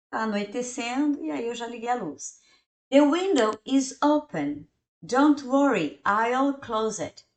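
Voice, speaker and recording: A woman whose first language is Portuguese, teaching an English grammar lesson, reading English examples slowly and then translating them. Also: fairly high pitch, echoey room.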